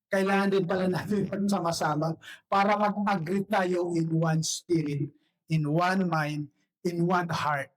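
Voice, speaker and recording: A hoarse male pastor preaching a lively sermon, switching between Tagalog and English and putting questions to the congregation. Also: high-pitched, unhurried, low-quality recording. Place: church service.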